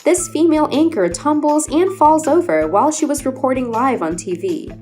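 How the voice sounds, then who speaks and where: High, lively woman narrating over music. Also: moderate pace. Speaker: compilation narrator. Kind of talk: scripted narration. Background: background music.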